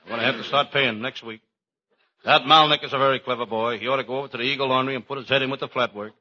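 An actor playing a wisecracking hard-boiled cop detective with deadpan delivery in an old-time radio comedy. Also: male voice, medium pitch, rapid-fire, lightly acted. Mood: wry. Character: wisecracking hard-boiled private-eye cop, Sam Shovel. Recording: muffled, very noisy old radio recording.

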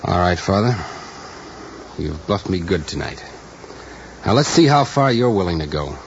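Low-voiced, earnest young American western parson. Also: male voice, big pitch swings. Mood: firm, challenging. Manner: measured, earnest, firm. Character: calm, principled parson son who carries a six-gun. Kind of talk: old-time radio western acting and narration. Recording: muffled, noisy old radio recording.

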